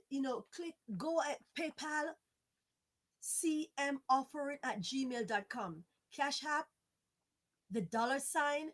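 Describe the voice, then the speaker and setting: A woman from Jamaica pleads with listeners on a livestream, leaning on repetition and a preacher-like rhythm. She speaks slowly and deliberately, her voice sitting a little above the usual range for a woman. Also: high voice. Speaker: fundraising campaign speaker. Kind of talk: impassioned livestream appeal. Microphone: livestream microphone.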